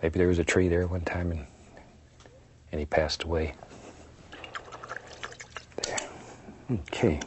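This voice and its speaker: Gentle painting teacher guy, deep soothing voice, folksy and encouraging, bit of noise in the background. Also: flat delivery, slow, pauses often. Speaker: painting instructor and show host. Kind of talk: unscripted painting demonstration, talking while working.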